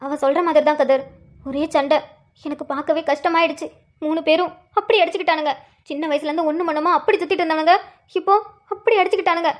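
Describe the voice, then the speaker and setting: A woman's voice: high voice, steady tone, fast talker, natural voice. A woman voicing a saddened cartoon aunt. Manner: gentle, lamenting. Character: middle-aged aunt, saddened and reasonable.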